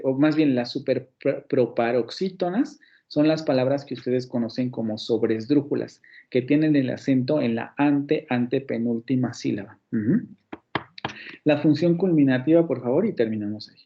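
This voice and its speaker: A male university teacher with a Mexican Spanish accent gives an online phonetics lecture. His voice is mellow and even, and he explains step by step, often restarting a phrase. The audio is muffled and lo-fi, like a video call. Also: mid-range voice, moderate pace. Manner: explanatory, frequent restarts and checks with "¿vale?".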